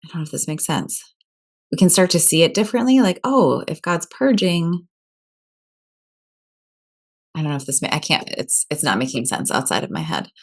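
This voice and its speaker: A woman speaks earnestly about a passage, pausing to apologize and search for the right words. Her voice is unusually low for a woman. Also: sing-song. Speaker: podcast discussion participant. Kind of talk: casual discussion of scripture.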